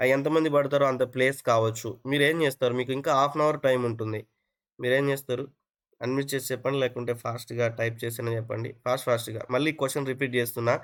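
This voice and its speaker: Casual: guy preaching quick, keeps asking the people questions, repeats himself, throws in english words. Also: medium pitch. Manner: asks the listeners questions and repeats phrases; mixes English words into his speech. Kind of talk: interactive sermon on an online call.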